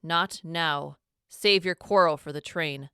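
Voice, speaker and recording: A woman voicing a calm formal leader. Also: deep voice, clean tone, dry recording, studio quality, heavily acted. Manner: measured, formal, apologetic.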